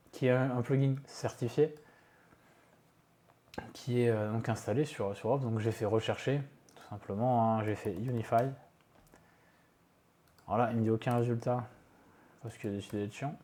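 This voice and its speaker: A man's voice: mid-range voice, steady tone, normal speed, pauses often, mellow. A man talking through a casual screen-recorded tech tutorial from his home office, chatty and self-mocking, with many fillers and asides. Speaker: tech video creator.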